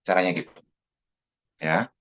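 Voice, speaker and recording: A man speaking informally in a webinar, animated and acting out short dialogues as he explains. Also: low voice, measured pace. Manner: animated, acts out little dialogues. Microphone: video call. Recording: dull lo-fi webinar audio.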